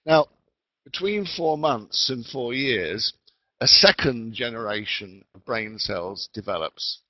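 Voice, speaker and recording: A man explains things in a calm, deliberate lecture voice at a middling pitch. He comes through a patchy remote call line that keeps fading in and out. The sound is dull, muffled and completely dry. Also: no echo. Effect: patchy online call audio that fades in and out. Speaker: webinar speaker. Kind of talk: educational lecture. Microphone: remote call mic.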